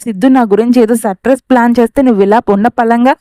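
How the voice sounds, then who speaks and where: A woman's voice: on the high side, steady tone, racing, mellow, no echo, studio quality, lightly acted. A woman reading the lines of a worried, loving middle-aged mother with a fretful, questioning manner.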